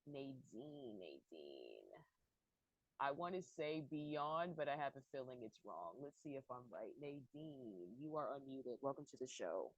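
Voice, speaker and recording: A woman hosting an online open mic show, upbeat, with many repeated thanks and fast bursts. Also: extremely low pitch, sing-song, a little mellow, breathy edge, no echo, highs cut off. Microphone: video call.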